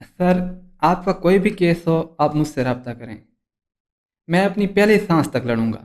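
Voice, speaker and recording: A man's voice: on the high side, lively intonation, a little mellow. A man putting on a smug bumbling lawyer. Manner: slow, stumbling, self-satisfied English phrases. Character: boastful bumbling male lawyer, mangles English. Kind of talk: comedy sketch.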